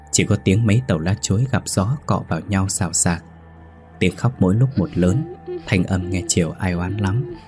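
A man narrates a scripted horror story. His voice sits very low, and he keeps a steady, brisk storytelling pace. Faint music plays underneath.

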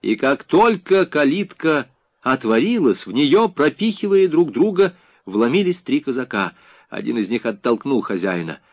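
A male narrator reads a story with dramatic expression. His pitch moves in wide, lively arcs. The recording is dry and close. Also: normal speed, no room sound. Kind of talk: audiobook narration.

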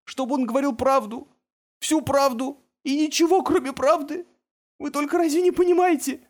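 A man voicing a delirious male journalist who whispers hoarsely, weeps and breaks into shrieks in an audiobook. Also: extremely high pitch, normal speed, voice pushed up. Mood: hysterical. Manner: feverish, rambling, melodramatic. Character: delirious, tearful male journalist gone half mad.

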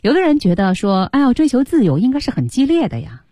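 A woman's voice: on the high side, big pitch swings, fast talker, dark tone, no room sound. A woman co-hosting a radio English lesson, guiding the talk in a conversational way from a radio studio. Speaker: radio program host.

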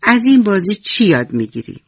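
A woman voicing a kind, patient old grandfather who speaks slowly and softly, on a dull lo-fi radio recording. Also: mid-range voice, very animated, creaky, breathy edge, dry recording, voice pushed up, exaggerated voice. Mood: tender.

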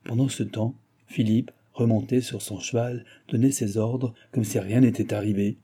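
A man reads a classic novel aloud at a measured pace. His voice is low, dark and slightly husky. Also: steady tone. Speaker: audiobook narrator. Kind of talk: novel reading.

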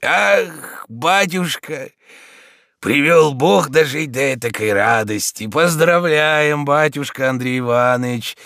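A man's voice: on the high side, takes it slowly, fairly bright tone, no room sound, clean studio sound, pitched above the performer's own voice. A man voicing an old male servant who wheezes and fusses, fawning and full of exclamations. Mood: fawning joy. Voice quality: hoarse, wheezing.

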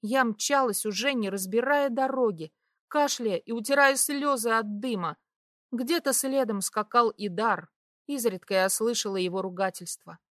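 A young woman reading a first-person fantasy audiobook in a brisk, vivid storytelling manner. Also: a little high, no room sound, clean studio sound. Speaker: narrator.

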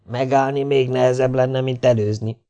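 A man's voice: medium pitch, fairly even intonation, mellow, smooth, muffled recording, lightly acted. A man voicing a tense male driver who speaks tersely and practically.

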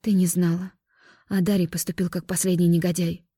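A woman voicing a composed young fairy woman who takes charge, speaking briskly and with command. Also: on the low side, level tone, dark tone, husky, no echo, clean studio sound. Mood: urgent.

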